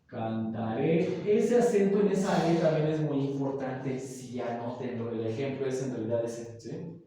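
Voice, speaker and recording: Male teacher, patient explainer who keeps checking in with the class; mellow, low-bright tone, heard from across a very echoey classroom. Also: normal speed. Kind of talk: classroom grammar lesson. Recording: very echoey room, voice from far off.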